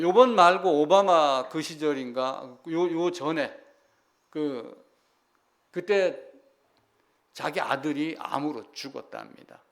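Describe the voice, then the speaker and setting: A male pastor preaching a sermon in a lively, animated way, acting out people crying out to God. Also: a little high.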